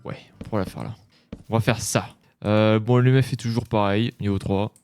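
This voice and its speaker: A man's voice: on the low side, fairly even intonation, brisk, a little mellow, clean tone, no echo. A young man giving casual Let's Play commentary, chatty and jumpy, breaking into scared yelps. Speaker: gaming YouTuber. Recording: faint game music behind.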